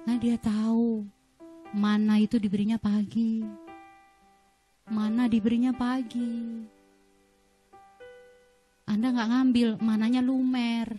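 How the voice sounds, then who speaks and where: A middle-aged woman pastor preaching a fervent sermon in a church, dropping to hushed prayer and rising to loud exhortation. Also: fairly high pitch, little pitch movement, slow pace, long pauses, soft background music.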